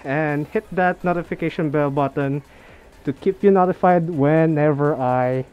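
A man's voice: on the high side, a little slow, clean tone. A young man, chatting casually in a vlog while talking from inside a fursuit head, repeating words as he goes. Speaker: vlogger. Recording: dull lo-fi audio with faint music.

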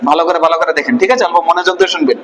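High-voiced male Quran teacher, echoey room. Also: fairly bright tone, slight background noise. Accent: Bangladeshi Bengali. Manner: drills syllables slowly, asks and answers his own questions. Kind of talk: Quran reading lesson. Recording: echoey room with long reverb.

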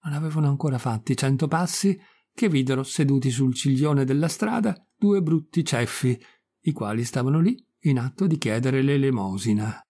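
A man narrating a children's classic as an audiobook reader, in a steady, measured reading. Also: medium pitch. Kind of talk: storybook narration.

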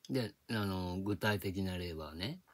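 Husky man rambling in lively tones. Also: deep voice, takes it slowly. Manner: chatty, explains with rhetorical questions. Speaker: video channel host. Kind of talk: casual rambling monologue. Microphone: tablet microphone.

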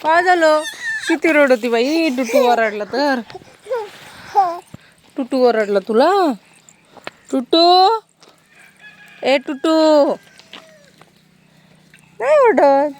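Woman, high voice, slow unhurried talk, family vlog, baby talk, playful dog-bark imitations, outdoors in a garden, faint background ambience. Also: lively intonation, slight background noise. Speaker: family vlogger and mother. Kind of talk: casual family vlog chat.

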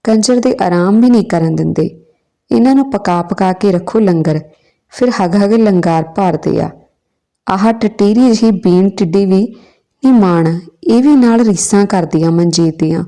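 A woman's voice: mid-range voice, measured pace, warm tone, close to an everyday voice. A woman voicing a foul-mouthed, furious village mother scolding the children. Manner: cursing, scolding.

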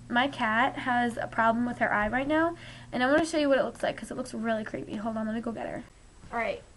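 A woman's voice: high-pitched, a little hiss or hum. A young woman chatting to camera in a casual vlog, rambling and stumbling over her words. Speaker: vlogger.

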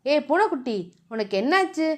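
A woman voicing a gruff but caring young husband in a storybook reading, speaking in clipped, lowered commands. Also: very animated, moderate pace. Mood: tender.

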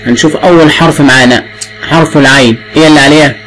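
A man's voice: a little high, fairly even intonation, fairly bright tone, soft background music, poor audio. A man with an Egyptian accent teaching the alphabet to young children, drawing out sounds and prompting patiently. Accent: Egyptian Arabic. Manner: patient, drawn-out and repetitive prompting.

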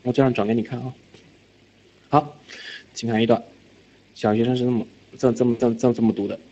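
A man teaching IELTS reading in a recorded lecture, animated, often asking whether students follow and dropping English words into his talk. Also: medium pitch, brisk. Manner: mixes English words into speech. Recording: slightly dull lo-fi lecture audio.

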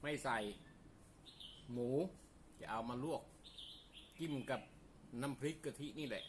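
A man's voice: medium pitch, takes it slowly. A man from talks casually to viewers while eating, often with his mouth full, in a folksy, explanatory way. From Isan, northeastern Thailand. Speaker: food vlogger. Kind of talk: casual mealtime chat to viewers. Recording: clear background noise, birds chirping. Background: birdsong and ambient noise.

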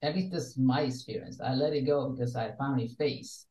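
A woman's voice: rumbling low, fairly quick, mellow. An older woman from Taiwan, a wellness coach speaking earnestly as a guest on a video call from her home study. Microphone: video call webcam. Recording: roomy webcam sound from a distance.

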